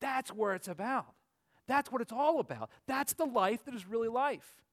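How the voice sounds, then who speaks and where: Forties male preacher, high-pitched, earnest, builds to emphatic peaks. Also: expressive, moderate pace, a bit bright. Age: 40s. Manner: earnest, rising to emphatic peaks then dropping low. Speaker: pastor. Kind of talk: sermon.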